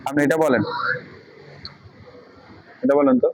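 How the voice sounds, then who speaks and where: A man's voice: mid-range voice, measured pace, a little mellow, slight background noise, rough recording. A man teaching Quran reading in a class, quizzing students patiently with repeated questions. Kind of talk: online class lesson.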